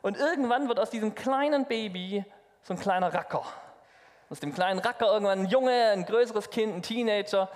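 Brief: male preacher, high pitch, lively sermon, long reverb of a hall. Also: a little fast. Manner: lively, addresses the congregation directly.

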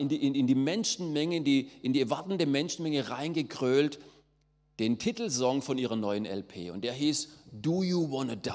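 A man's voice: mid-range voice, darkish tone. A middle-aged man from southwest Germany giving a personal testimony, storytelling with fillers and acting out quoted voices. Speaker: testimony speaker. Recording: long hall reverb.

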